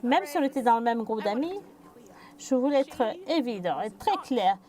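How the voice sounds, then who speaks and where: High, mellow-voiced woman interpreter. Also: very animated. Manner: halting, with restarts and fillers. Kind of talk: live consecutive interpretation.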